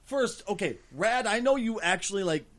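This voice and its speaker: A man hosting a casual gaming podcast, talking in an excitable, rambling, profane way. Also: sits high, normal speed. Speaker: podcast host.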